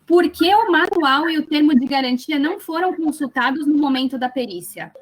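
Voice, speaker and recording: High-voiced woman lawyer questioning. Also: lively intonation, moderate pace. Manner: persistent, formal, precise. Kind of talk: courtroom questioning over video call. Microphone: video call.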